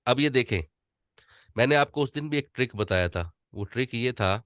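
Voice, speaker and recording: A man teaching an online voice-over class, demonstrating slow readings with deliberate pauses. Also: mid-range voice, expressive, a bit bright, dry recording, clean studio sound.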